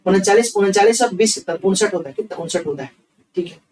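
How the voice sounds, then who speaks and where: A man's voice: high-pitched, quick pace, darkish tone, far from the mic, slight background noise, low-quality recording. A man teaching reasoning. He works through sums aloud, asks questions and answers them himself, and keeps repeating each step. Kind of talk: online exam-prep class.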